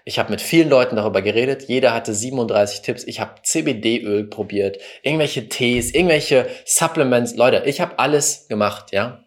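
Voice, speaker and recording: A man hosting a self-help podcast, telling a personal story in an earnest, confessional way that swings between quiet and emphatic. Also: medium pitch, normal speed, few pauses. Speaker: podcast host and coach.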